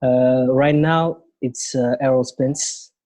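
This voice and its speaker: A man's voice: mid-range voice, steady tone, slow, dark tone, no room sound. A man from France, a native French speaker, giving brief, hesitant answers as a guest on a video call.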